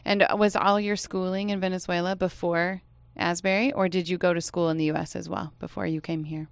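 Lively woman hosting a radio hour. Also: fairly low pitch, a little fast, gravelly, clean tone, dry recording. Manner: lively and chatty, laughs often. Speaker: radio show host. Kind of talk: casual campus radio chat. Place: radio studio.

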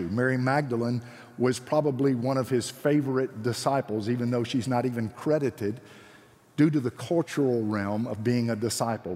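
A man's voice: medium pitch, warm tone. A man with a Georgia Southern accent preaching to students as a guest missionary speaker, earnest, encouraging and plain-spoken. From Georgia, United States. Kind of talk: sermon to students with scripture readings. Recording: echoey hall with long reverb.

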